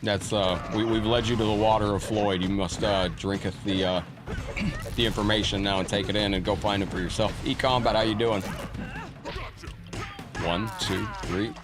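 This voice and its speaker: With game music playing behind him, a man streams live, offering casual commentary and welcoming chatters by name. His voice sits on the low side, steady and moderately paced, slightly scratchy because of a cold.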